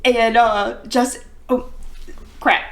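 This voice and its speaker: A woman co-hosting a podcast, telling a work story in casual chat, pausing with fillers. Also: fairly high pitch, steady tone. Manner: hesitant, many fillers. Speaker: podcast co-host.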